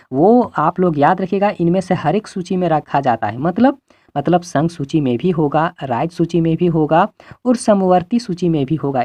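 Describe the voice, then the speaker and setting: A man's voice: sits high, a little mellow, dry recording. A male teacher walking students through exam questions in an earnest, repetitive way, with a Hindi-belt Indian accent. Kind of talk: exam-prep lesson.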